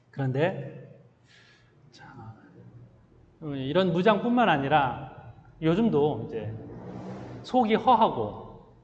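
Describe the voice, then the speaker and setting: A male pastor delivers a sermon with a fairly high voice and keeps asking his listeners questions. His words carry a long reverb from the church hall. The sound is a little dull and muffled. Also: darkish tone. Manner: asks the congregation rhetorical questions. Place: church sanctuary.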